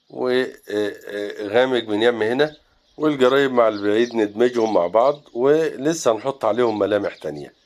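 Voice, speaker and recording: A painting teacher with a fairly low voice and an Egyptian Arabic accent guides viewers through a landscape in a relaxed, step-by-step tutorial. He speaks calmly, thinking aloud as he mixes colors, breaking off with pauses and short fillers.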